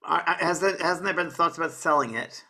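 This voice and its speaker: Male medium, tense bright tone, slightly high voice, coaxing and earnest. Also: brisk. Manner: earnest, coaxing, calls people honey and baby. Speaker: psychic medium. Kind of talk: live mediumship reading.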